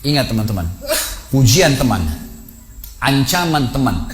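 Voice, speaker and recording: A male preacher telling a story in a sermon, swinging from hushed tones to loud pleading. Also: medium pitch, animated, unhurried. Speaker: Islamic preacher.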